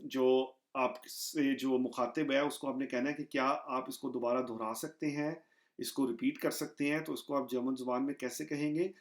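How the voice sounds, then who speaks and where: A man teaching a beginner German lesson, repeating each phrase slowly and deliberately. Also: medium pitch. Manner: slow, deliberate repetition of phrases.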